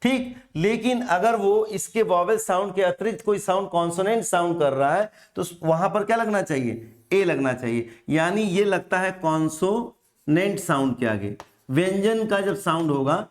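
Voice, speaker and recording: A man's voice: high voice, animated. A man teaching an exam-prep English grammar lesson, explaining step by step and asking and answering his own questions. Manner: slow and deliberate, stretching example words.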